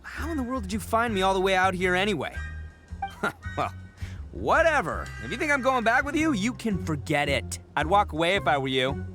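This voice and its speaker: A man's voice: sits high, sing-song, a little fast. An actor playing a boastful, goofy young male gang boss in a game, blustering and stammering as he talks. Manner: blustering, stammering, laughing between words. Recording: game cutscene audio with music behind.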